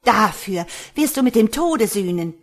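Woman reader doing a raspy, domineering crone, low and husky, seductive menace. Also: fairly even intonation, measured pace, dark tone, heavily acted. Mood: shrieking rage. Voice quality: rough, husky voice. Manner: murmuring and seductive, turning to shrieks. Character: lustful, vengeful witch-like crone woman.

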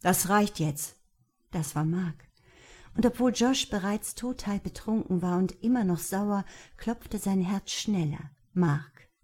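A woman narrating a novel in a steady, even audiobook reading. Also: mid-range voice, unhurried. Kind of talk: scripted narration.

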